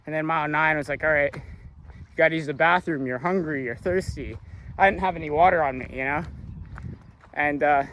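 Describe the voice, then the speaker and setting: A young man, winded after a long run, talks to his phone camera in a loose, rambling way, stacking up little fillers as he goes. His voice sits a touch high, and faint outdoor sounds and passing cars drift behind him. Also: moderate pace, pauses often, a little hiss or hum. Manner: relaxed and rambling, many "like" fillers. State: out of breath. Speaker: vlogger. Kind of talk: casual vlog talk to camera. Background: passing cars and outdoor ambience.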